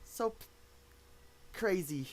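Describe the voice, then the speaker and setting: A young man hosting his own channel, giving live chess commentary, excitable and given to repeated exclamations. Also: sits high, slow.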